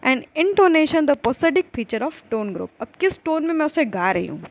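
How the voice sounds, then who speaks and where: A woman teacher gives a recorded lecture, asking herself questions and then answering them, and reads the definitions slowly, word by word. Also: high-pitched, big pitch swings, dull audio. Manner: explains with repeated rhetorical questions.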